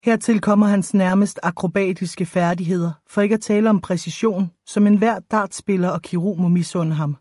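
A woman reading a first-person audiobook in a measured, expressive storytelling way, close to the microphone. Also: mid-range voice, no echo. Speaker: audiobook narrator.

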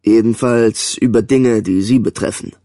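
Brief: male reader doing a hard-faced older commander, dark voice, dry sound, barking then grave and slow. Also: fairly low pitch, fairly even intonation, dry recording, lightly acted. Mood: solemn, measured. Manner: barks commands, then slow solemn speech.

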